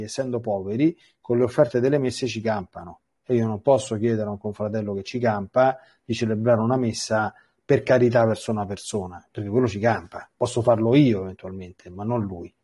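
A male priest delivering a Bible lesson in a husky, mellow voice. He talks in a lively, rambling way, stumbling over restarts before pressing on. His pitch sits in a middling range. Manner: animated and digressive, with stammered restarts; reads scripture aloud and then comments on it. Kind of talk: biblical catechesis lecture.

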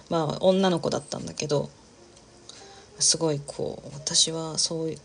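A woman's voice: low voice, a little slow, slight background noise. A woman chatting casually on a livestream while she crafts, rambling from thought to thought, laughing often and reading out viewer comments.

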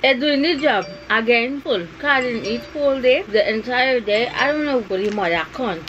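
A woman's voice: a little high, expressive, moderate pace, fairly bright tone, lo-fi sound, slight background noise. Woman vlogger with thick, swollen-tongue speech. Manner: blunt, slangy, heavy swearing. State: in pain, sore swollen tongue after piercing. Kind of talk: casual chat to camera.

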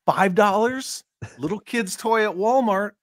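A man's voice: high voice, unhurried, no echo, studio quality. Easygoing man with a lightly raised voice. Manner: easygoing, joking, hesitant at times. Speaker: co-host, toy channel guest. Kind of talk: casual chat.

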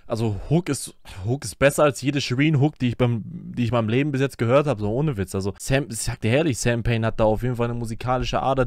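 A man's voice: medium pitch, a little mellow, no room sound, studio quality. A man streaming a casual reaction to a song, talking in blunt, mocking slang.

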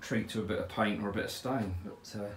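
A man's voice: fairly low pitch, steady tone, fast talker, roomy sound. A man casually talking viewers through his DIY build in a cramped garage room, rambling and matter-of-fact with lots of fillers. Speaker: DIY pond vlogger. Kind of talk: casual DIY walkthrough chat. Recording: distant mic with background noise.

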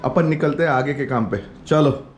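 Holding an action camera at arm's length, this vlogger in his forties talks casually about his day, laughing and mixing in bits of English, first at home and then outside after dark. He speaks in a mid-range voice at a moderate pace. The sound is lo-fi, with faint music in the background.

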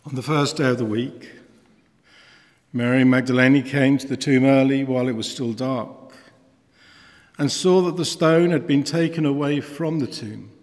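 A middle-aged man, a priest, reading scripture in a measured, formal way with echo around his voice. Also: mid-range voice. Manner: measured, formal, partly intoned. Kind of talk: solemn liturgical scripture reading. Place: church, at a lectern. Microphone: lectern gooseneck microphone. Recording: long church echo.

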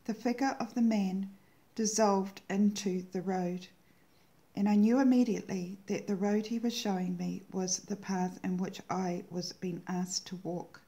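An earnest woman hosts her own channel and shares a devotional message in a reverent tone. Her voice is warm and mellow, and her pitch sits in a middle range. She lingers over the words she treasures. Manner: earnest and reverent, slows down to savor quoted words. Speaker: channel host sharing prophetic words.

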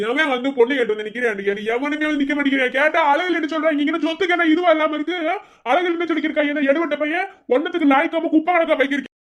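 A performer voicing a drunk, angry middle-aged father in a cartoon, scolding roughly with a Madurai accent. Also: sits high, steady tone, rapid-fire, a bit bright. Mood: defiant. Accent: Madurai Tamil. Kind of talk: cartoon voice acting.

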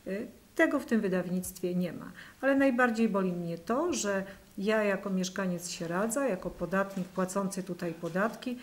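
A woman's voice: medium pitch, moderate pace. Indignant middle-aged woman at a press conference. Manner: earnest, indignant, frequent hesitations. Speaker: mayoral candidate. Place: indoor press room.

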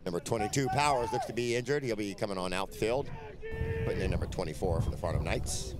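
A man delivers emphatic live play-by-play commentary on American football, repeating his phrases, in a lowish voice with lively intonation and a quick pace. He is recorded outdoors at the field, with a loud crowd and field noise behind him.

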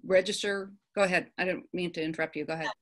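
Woman, lower voice, halting, filler-heavy, informative, video call. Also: fairly even intonation. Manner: halting, many ums and uhs, informative. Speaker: committee presenter. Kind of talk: virtual office meeting.

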